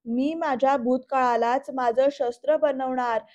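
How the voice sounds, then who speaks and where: A scheming middle-aged aunt from a TV serial, read aloud by a woman. She plots coldly and snaps orders. The voice is high and level, with slightly dull sound. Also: steady tone, measured pace, a little mellow. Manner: cold, plotting, snapping.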